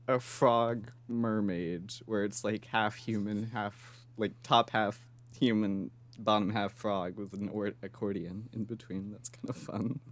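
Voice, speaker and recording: A man's voice: lowish voice, steady tone, measured pace. A man co-hosting a podcast in casual chat, rambling and laughing often as he brainstorms. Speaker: podcast co-host.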